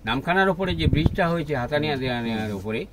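A man's voice: medium pitch, expressive, fast. A man, giving guided tour commentary on a boat deck and laying out his points one by one. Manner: explanatory, counts points off as a lecture. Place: open deck of a boat at sea. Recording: wind and boat noise outdoors.

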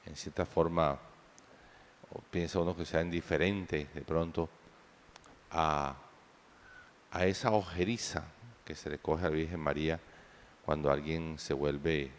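Deep-voiced priest with cathedral echo. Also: male voice, slight background noise. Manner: slow, measured proclamation. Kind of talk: liturgical reading and homily. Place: large church. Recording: long church reverb.

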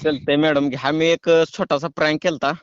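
A man making a prank phone call, calm and teasing in a mock-official way. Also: a little high, a little fast, clean tone, no room sound. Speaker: prank caller.

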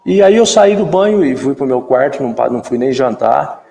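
Brazilian man in his fifties, former player as guest, animated storyteller, gravelly mellow voice, echoey room with long reverb. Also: mid-range voice, brisk, a little hiss or hum. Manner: animated storyteller who acts out quoted dialogue. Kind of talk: storytelling in a live chat.

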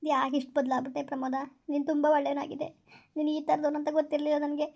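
In a village skit captured on a dull lo-fi recording, a woman voices a heartbroken young woman begging her lover through tears and repeating "please." Her pitch sits high and her delivery is flat, quick and fry-laden, with a darkish tone.

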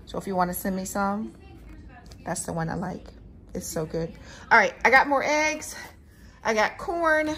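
A woman's voice: lowish voice, slight background noise. A woman in her thirties filming a casual grocery haul vlog in her home kitchen, talking straight to her viewers on a phone camera held close. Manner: chatty, animated, talks straight to viewers. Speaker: family vlogger.

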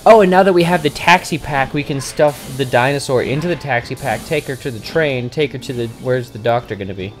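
A man co-hosting a casual let's play at a desk microphone, joking around with playful loud outbursts. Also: mid-range voice, a little fast, hardly any pauses, soft background music. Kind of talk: casual gameplay commentary.

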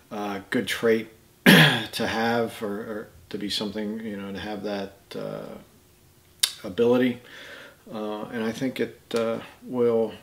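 Middle-aged male, halting interview answers, low flat delivery. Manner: hesitant, halting with many ums. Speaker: interviewee speaking about a student. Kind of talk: casual interview. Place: indoor room, plain wall.

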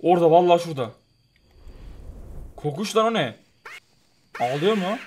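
A man doing live let's-play commentary, excitable, swinging between loud frustrated outbursts and low muttering, swearing and talking to the game as he plays. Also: moderate pace. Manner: swears often, talks to the game. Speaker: gaming YouTuber.

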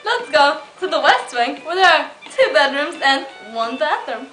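A woman's voice: high voice, sing-song, measured pace, low-quality recording. A young woman giving a playful, jokey tour of her farmhouse and farmyard, filmed on a handheld camera. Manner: jokey, bubbly tour patter. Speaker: home tour guide. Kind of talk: playful home tour vlog. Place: farmhouse rooms and outdoor farmyard. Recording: music bed underneath.

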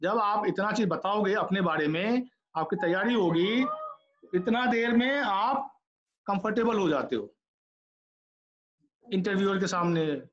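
Brief: middle-aged male lecturer, high voice, direct coaching tone, muffled classroom recording. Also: a little slow, long pauses, a bit bright, slight background noise. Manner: direct, coaching, acts out candidate answers. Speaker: lecturer giving interview tips. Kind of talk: classroom lecture in Hindi mixed with English. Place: classroom with students.

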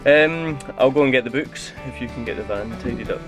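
A man's voice: medium pitch, a little fast, loud music behind the voice. A man, chatting casually to viewers from inside a camper van on a camera held at arm's length. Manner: upbeat, chatty, addressing viewers. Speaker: vlogger. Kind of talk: casual vlog chat. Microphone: handheld camera at arm's length.

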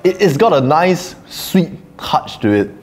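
A man's voice: fairly high pitch, sing-song, unhurried, darkish tone, soft background music. Man talking with his mouth full. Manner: chatty, enthusiastic, frequent "okay". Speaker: food vlogger. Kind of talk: casual mukbang vlog.

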